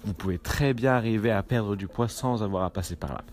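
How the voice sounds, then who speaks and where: A man's voice: lowish voice, fairly quick. A man, talking casually as a fitness coach and often checking in with his listeners. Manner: casual and coaching, keeps checking in with the viewers with a tag question. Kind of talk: casual talk to camera.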